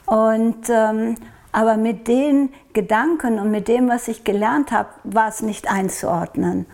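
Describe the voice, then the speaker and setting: A woman's voice: fairly high pitch, a little slow, gravelly, a little mellow, a little hiss or hum. A woman from Norway recounting a personal experience in an interview, speaking hesitantly and reflectively, often searching for words.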